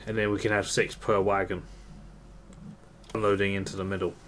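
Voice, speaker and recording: Low-voiced man hosting a casual game stream. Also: level tone, fairly quick. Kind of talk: casual gameplay commentary. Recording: clear background noise.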